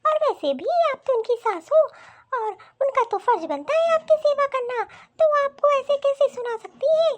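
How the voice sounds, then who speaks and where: A woman's voice: extremely high pitch, animated, normal speed. A woman voicing a spoiled young married daughter in a cartoon, whiny and demanding. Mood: indignant. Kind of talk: cartoon voice acting.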